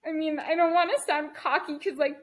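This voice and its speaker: A woman's voice: high voice, steady tone, fairly quick. A woman in her early twenties co-hosting a podcast, chatting casually and telling stories with dry sarcasm. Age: early 20s. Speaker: podcast co-host. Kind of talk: casual chat.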